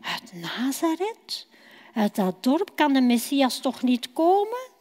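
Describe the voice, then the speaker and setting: A woman's voice: sits high, very animated, slow pace, darkish tone, full character voice. Woman doing a doubtful honest man. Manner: questioning and doubtful. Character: honest doubtful male listener, surprised. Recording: long church hall reverb.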